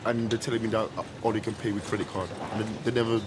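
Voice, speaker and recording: A man's voice: lowish voice, fairly even intonation, rapid-fire. A man, an airline passenger arguing confrontationally in slang and swearing. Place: airport terminal. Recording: very noisy busy airport documentary footage.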